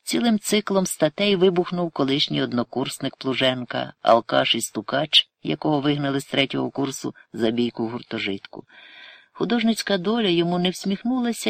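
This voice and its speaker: A man narrating a novel in a steady, measured audiobook reading. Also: on the high side, gravelly, dry recording.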